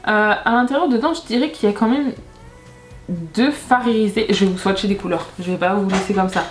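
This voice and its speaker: A young woman talks through a makeup unboxing in a relaxed, chatty way, often stumbling and restarting her sentences. Her voice sits at an ordinary middle pitch for a woman. The room is noticeably echoey, and soft music plays faintly underneath. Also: a little fast. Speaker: beauty vlogger. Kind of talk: casual unboxing chat.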